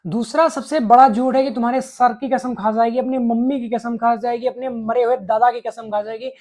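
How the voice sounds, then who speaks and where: A very high but steady voice, a little mellow and fairly quick, carries this vlogger's blunt relationship advice. He berates the viewer directly in crude terms, cursing as he goes.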